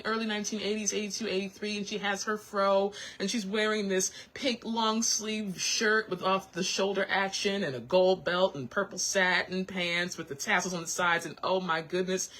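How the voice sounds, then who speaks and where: A woman hosting a radio show, chatting in an animated, sassy way. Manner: animated, sassy, swoops into high excited squeals. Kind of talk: casual talk radio chat. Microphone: studio microphone.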